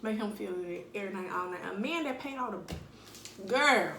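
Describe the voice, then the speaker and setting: A woman's voice: mid-range voice, lively intonation, moderate pace, fairly bright tone, reverberant, a little hiss or hum. A young woman talking bluntly and animatedly in slang during a casual eating-video monologue at home. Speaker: vlogger.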